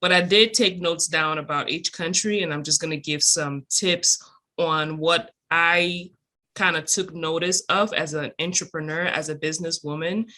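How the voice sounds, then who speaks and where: A woman's voice: sits low, steady tone, moderate pace, sharp tone. A woman from Cameroon, a guest entrepreneur, answering interview questions in a chatty, upbeat way with many fillers.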